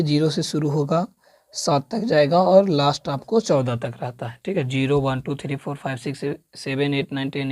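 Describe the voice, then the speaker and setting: A man's voice: on the high side, mellow, no room sound, clean studio sound. A man giving an exam-prep science lesson as a coaching teacher, quizzing the listener with repeated questions and drilling the answers. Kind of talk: exam-prep classroom lecture.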